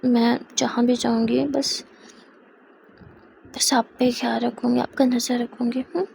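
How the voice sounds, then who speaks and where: A woman's voice: fairly high pitch, level tone, measured pace, vocal fry, darkish tone, a little hiss or hum, poor audio. A woman voicing a flustered, apologetic young woman who stammers and pleads sweetly. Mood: pleading.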